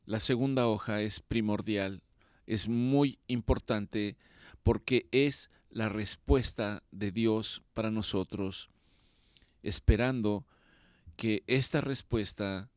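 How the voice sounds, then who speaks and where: A man preaching a sermon, speaking deliberately and rising into fervent, pleading prayer. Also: on the low side, no echo, studio quality.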